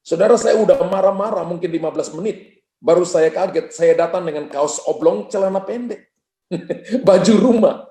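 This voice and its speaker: A man's voice: high-pitched, normal speed. A middle-aged male pastor preaching a sermon, urging the congregation to respond and telling stories with quoted dialogue. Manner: lively storytelling with quoted dialogue. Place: church hall. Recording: echoey church hall.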